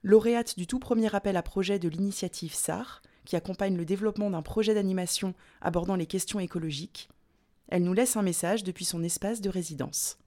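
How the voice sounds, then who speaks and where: A woman hosting a voicemail show, calmly reading a scripted introduction. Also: mid-range voice, a little fast. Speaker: podcast host. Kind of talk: scripted narration.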